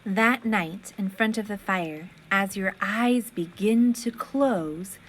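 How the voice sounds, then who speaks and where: Soft music plays in the background as a woman narrates a children's story in her mid-range voice, expressive and deliberate, giving her lines a dramatic shape.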